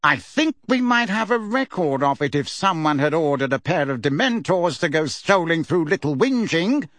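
A man voicing a blustering, aggressive minister who speaks loftily and forcefully. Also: high voice, very animated, moderate pace, no room sound, voice pushed up. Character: blustering aggressive middle-aged male minister.

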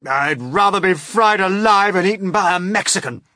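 A man's voice: high voice, extremely slow, bright, forceful tone, no echo, studio quality, pitched above the performer's own voice, heavily acted. A man voicing an old green grasshopper who wails and exclaims. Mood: dismayed. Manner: exclaiming, wailing.

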